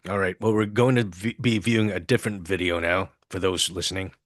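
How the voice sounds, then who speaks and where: A man co-hosting a podcast, talking in an easygoing, halting way. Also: low voice, steady tone, dry recording, studio quality. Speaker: podcast co-host. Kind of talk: casual reaction chat.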